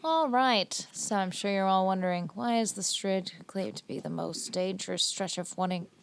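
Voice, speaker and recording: A woman's voice: medium pitch, normal speed, gravelly, a little hiss or hum. A woman co-hosting a podcast in casual chat, giggly and playful. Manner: giggly, playful, teasing dramatic intros. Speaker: podcast co-host.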